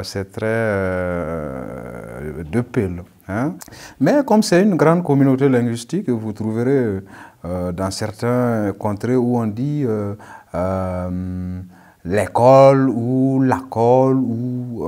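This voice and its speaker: A man's voice: lowish voice, dark tone. Patient man teaching, many "hein" tags. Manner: frequent hesitations and tag "hein"; patient, repeats key points. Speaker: language teacher. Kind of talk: explanatory lesson.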